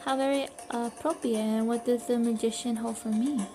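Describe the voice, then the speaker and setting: A woman's voice: fairly high pitch, steady tone, moderate pace, lightly acted. A woman voicing an imperious, composed countess while reading a game's dialogue aloud, with game music behind.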